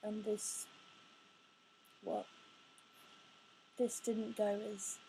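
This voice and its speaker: A woman in her twenties talking about her own life in a halting way, restarting phrases, her words sometimes coming out in a rush. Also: mid-range voice, level tone, vocal fry, dark tone, slight background noise, rough recording. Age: 20s. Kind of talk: personal confessional talk.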